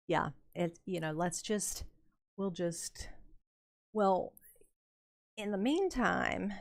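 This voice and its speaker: A woman's voice: on the low side, gravelly. An older woman streamer chatting casually and telling a rambling story while she plays a game, laughing often. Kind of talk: casual chat while playing.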